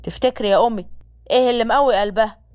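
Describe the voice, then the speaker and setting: A woman's voice: a little high, rapid-fire, a little mellow, smooth, natural voice. A woman voicing a harsh young man who is the boss, giving orders in a scolding, commanding Egyptian manner. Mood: menacing.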